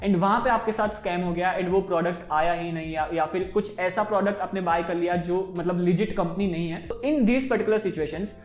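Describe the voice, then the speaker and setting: A man's voice: high-pitched, moderate pace, hardly any pauses, soft background music. Hindi-English chatty young man, echoey room. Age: 20s. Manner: mixes Hindi and English freely, chatty and direct. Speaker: personal finance YouTuber. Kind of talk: casual explainer talk to camera.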